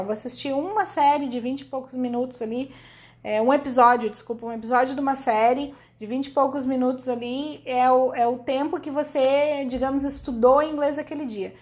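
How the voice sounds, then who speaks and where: A woman with a Brazilian Portuguese accent speaks in a fairly high voice, giving tips like a relaxed teacher. She talks in a chatty, informal way and keeps checking in with her listener as she explains. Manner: chatty, ends phrases with checking "right?" tags. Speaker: English teacher. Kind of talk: informal video lesson.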